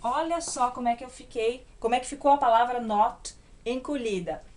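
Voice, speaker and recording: A fairly high-voiced woman with a Brazilian Portuguese accent leads a whiteboard grammar lesson. She talks patiently, keeps checking in with short tag questions, and slows down to spell out each English example. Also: a little mellow, slight background noise. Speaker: English teacher.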